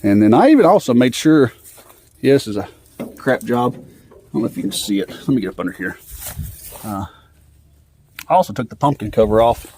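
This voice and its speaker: A man talks through his work on an old truck outdoors, winded and rambling, with lots of fillers. His voice sits at an ordinary middle pitch. He records on a handheld phone, with faint noise behind him. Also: animated, brisk, long pauses, a little mellow. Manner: rambling, filler-heavy, laid-back. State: out of breath. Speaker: vlogger fixing an old truck. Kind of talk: casual working commentary.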